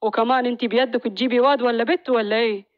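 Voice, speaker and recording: A woman voicing a gentle, teasing young village husband and father. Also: fairly high pitch, fairly even intonation, rapid-fire, no room sound, phone-quality sound, close to an everyday voice. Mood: reassuring. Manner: teasing, reassuring.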